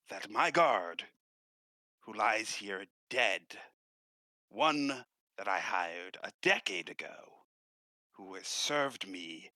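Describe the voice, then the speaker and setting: A man's voice: fairly low pitch, bright, forceful tone, no room sound, studio quality, full character voice. A man doing Conbrook, a cold noble lord. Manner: slow, pointed, accusing.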